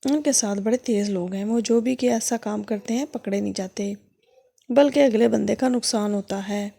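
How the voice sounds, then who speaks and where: A woman's voice: mid-range voice, creaky, warm tone. A woman voicing a secretive house maid. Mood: pleading.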